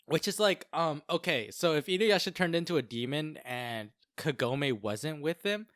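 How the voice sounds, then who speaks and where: Animated male podcast co-host, lively pitch, dry close sound, jokey and filler-heavy. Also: moderate pace, dry recording. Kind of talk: casual chat.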